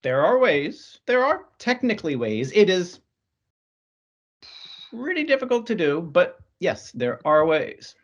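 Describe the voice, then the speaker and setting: Brief: male team lead on a video call, slightly high voice, amused, casual delivery. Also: sing-song, unhurried, highs cut off. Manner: amused, chuckling, reads aloud with asides. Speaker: team lead presenting to colleagues. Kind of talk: casual work meeting chat. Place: online team meeting.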